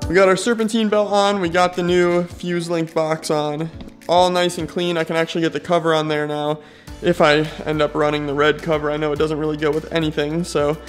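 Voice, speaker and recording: A man's voice: a little high, flat delivery, a little fast, faint music behind. A man casually vlogging a car build from his home garage, laid-back and slangy, thinking aloud with easy fillers. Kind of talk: casual chat to camera.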